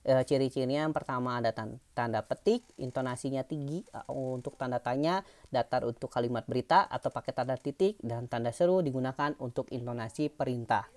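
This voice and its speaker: A woman's voice: rumbling low, brisk, darkish tone. A woman teacher giving an online lesson, explaining patiently in a chatty way with fillers and tag questions.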